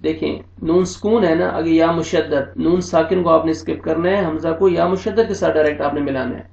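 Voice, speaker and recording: A male Quran teacher with an Urdu-speaking accent, spelling out letters and vowels and then slowly drawing out each joined word, with brisk explanations of the rules in between. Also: a little high, fairly even intonation, gravelly, a little mellow. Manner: quick, matter-of-fact explanations of rules between readings. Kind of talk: recorded online recitation lesson. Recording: dull, roomy home recording.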